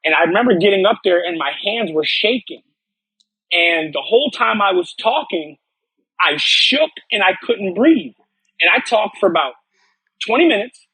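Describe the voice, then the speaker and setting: A man's voice: high voice, expressive, moderate pace, bright, forceful tone, breathy edge, no echo, poor audio. A man from upstate New York, a podcast guest telling his personal story earnestly, often restarting and repeating words.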